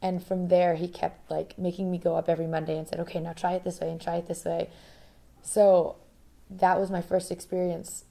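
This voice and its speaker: A woman's voice: on the low side, fairly quick, creaky. A young woman from Rhode Island, a singer-songwriter, chatting casually and laughing through stories in a living room. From Rhode Island, United States. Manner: chatty, laughing, relaxed storytelling. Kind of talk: casual interview.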